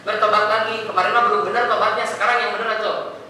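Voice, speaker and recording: Preacher in an echoey mosque. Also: male voice, high voice, racing. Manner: conversational, animated, mixes in local words. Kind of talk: sermon with Q&A. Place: mosque hall. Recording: echoey hall from far off, faint noise.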